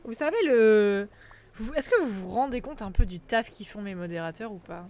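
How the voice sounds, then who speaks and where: This woman streams on Twitch, keeping up a chatty, teasing back-and-forth with viewers and humming and singing syllables as she goes. She speaks at a moderate pace in a medium-pitched, darkish voice.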